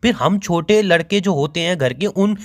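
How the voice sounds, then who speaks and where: A man's voice: sits high, expressive, normal speed. A man in his twenties complaining and joking in casual phone banter with his girlfriend. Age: 20s. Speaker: boyfriend on a phone call.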